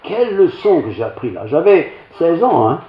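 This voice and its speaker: A man's voice: on the high side, big pitch swings, moderate pace. An older man with a Belgian French accent, a pastor telling a homely, self-mocking childhood anecdote in a sermon. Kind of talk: storytelling sermon. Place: church hall. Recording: roomy, slightly dull church recording.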